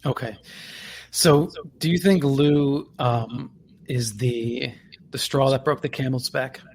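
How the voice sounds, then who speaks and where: A man's voice: medium pitch, steady tone, slow, a little mellow, slightly rough. A man hosting a radio interview show in a casual, conversational way.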